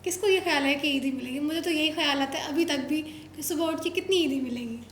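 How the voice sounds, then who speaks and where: A woman's voice: high voice, brisk, fairly bright tone, slight background noise. A woman from Pakistan hosting a show, chatting with children in a playful, coaxing way and teasing them with questions. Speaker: show host interviewing children. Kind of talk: casual chat with children. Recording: roomy echo.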